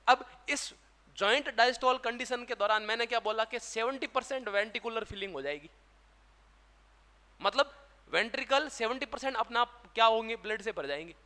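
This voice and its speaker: High, bright-voiced Hindi lecturer in a hall. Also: male voice. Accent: Rajasthani Hindi. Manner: asks questions and answers them himself. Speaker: teacher. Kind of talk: classroom lecture. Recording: long hall reverb.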